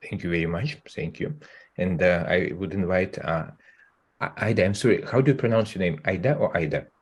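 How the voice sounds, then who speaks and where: A man moderating a webinar panel, courteous and gently inviting each panelist to speak. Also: sits low, brisk, husky. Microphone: video call.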